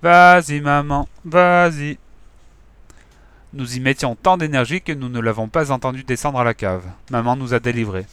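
A man's voice: mid-range voice, fairly quick, hardly any pauses, smooth, dry recording. Man reading a children's story aloud. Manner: lively, expressive storytelling. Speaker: storybook reader.

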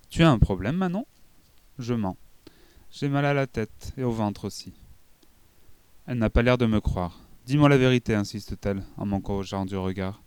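A man reading a children's book aloud in an expressive storytelling manner. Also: on the low side, smooth, no echo. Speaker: audiobook reader. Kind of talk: scripted narration of a children's book.

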